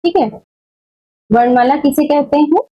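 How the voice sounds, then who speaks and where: A woman teaching a Hindi grammar lesson, explaining slowly and deliberately and correcting common mistakes. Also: high voice, lo-fi sound. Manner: slow, deliberate explaining with repeated checks; corrective, scolding about wrong teaching. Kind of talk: exam-prep grammar lesson.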